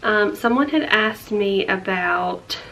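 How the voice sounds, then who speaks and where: A woman's voice: mid-range voice, animated, slow, a bit bright, slight background noise. Chatty young woman, a bit breathless. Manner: rambling, filler-heavy, chatty. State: slightly out of breath. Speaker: vlogger. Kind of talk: casual life update vlog.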